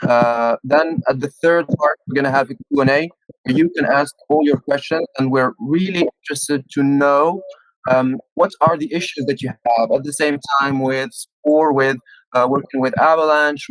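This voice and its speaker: A man, a computer scientist, moderating a casual community AMA, organized but halting and repeating words. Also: mid-range voice, steady tone, no echo, poor audio.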